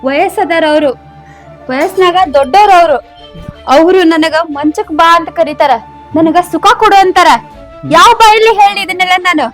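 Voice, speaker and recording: A woman's voice: sits high, steady tone, fairly quick, long pauses, faint music behind, natural voice. A woman playing a young village daughter-in-law with a North Karnataka accent, pleading politely. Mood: upset accusing. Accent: North Karnataka Kannada. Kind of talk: village comedy-drama acting.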